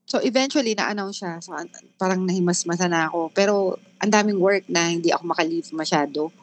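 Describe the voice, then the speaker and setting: Filipina na nag-iisip habang nagkukuwento. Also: female voice, lowish voice, slight background noise. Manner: candid, halting, many restarts and fillers. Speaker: guest. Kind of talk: emotional personal interview.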